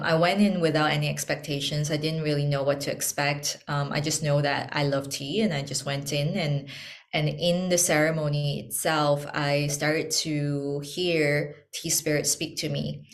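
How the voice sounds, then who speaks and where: A woman from Malaysia speaking as an interview guest, soft-spoken and reflective, pausing often with ums. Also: deep voice. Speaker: guest, tea ceremony practitioner. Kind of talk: casual interview conversation.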